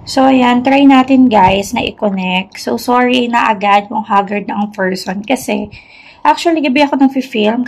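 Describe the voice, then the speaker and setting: Husky-voiced young mom, soft chatty review. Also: female voice, mid-range voice, low-quality recording. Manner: talks softly, near a whisper, at night; chatty, mixing Tagalog and English. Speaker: teacher reviewing a lapel mic. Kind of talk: casual product review vlog. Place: home at night.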